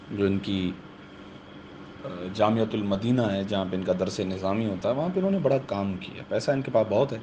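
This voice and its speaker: A man's voice: on the low side, background noise. A man, a religious teacher giving a classroom grammar lesson who keeps checking in with his students.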